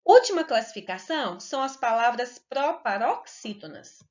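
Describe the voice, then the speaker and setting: Woman teacher for kids' video lessons: bright sing-song delivery, deliberate syllable stretching, muffled low-fi sound. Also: big pitch swings. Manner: slow, clear and sing-song, stretching words to stress syllables. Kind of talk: recorded lesson for children. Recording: dull lo-fi recording.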